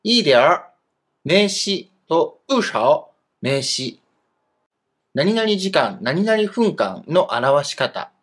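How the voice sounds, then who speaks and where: A man's voice: fairly high pitch, very animated, extremely slow, fairly bright tone, husky. A man teaching a Chinese grammar lesson in Japanese, explaining patiently with fillers.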